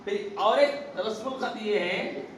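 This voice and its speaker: Male religious teacher, high voice, call-and-response drilling, echoey room and distant mic with background noise. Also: takes it slowly. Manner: asks questions and repeats the answers. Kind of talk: classroom lesson on Arabic letters.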